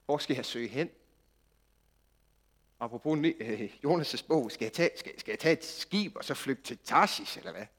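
A man preaching a sermon, moving from quiet, intimate passages to loud, impassioned outbursts. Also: medium pitch. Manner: animated, swings from quiet intimacy to loud shouting.

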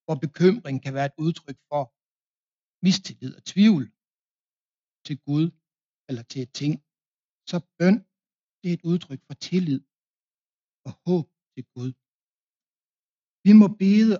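A man's voice: fairly high pitch, pauses often, warm tone, highs cut off. A man preaching a confirmation sermon in a Danish accent, telling a plain story with fillers and restarts.

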